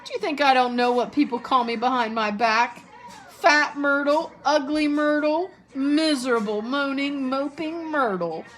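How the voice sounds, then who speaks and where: A woman's voice: mid-range voice, animated, takes it slowly, few pauses, fairly bright tone. A woman doing a sulky, tearful girl ghost. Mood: anguished.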